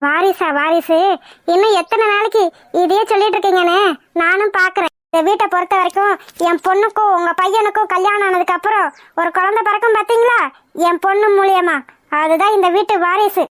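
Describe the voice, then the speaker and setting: Scheming cartoon mother, high and dry: a woman plays a spiteful village matron who sneers and threatens. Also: steady tone, a little fast, a bit bright, no room sound. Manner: sneering, menacing. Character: scheming middle-aged mother, spiteful and plotting.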